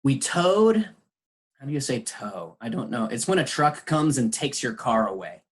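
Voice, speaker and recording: A man's voice: mid-range voice, sing-song, moderate pace, slightly rough. A man teaching an online English lesson, patiently explaining words with examples over a video call.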